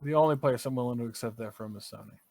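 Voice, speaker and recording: A man co-hosts a gaming podcast in an easy, casual way, opinionated and animated, and he swears freely. His voice sits in a middle range. It is recorded close and dry with no room sound. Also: mid-range voice, fast, gravelly, no echo. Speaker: podcast co-host. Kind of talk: casual chat.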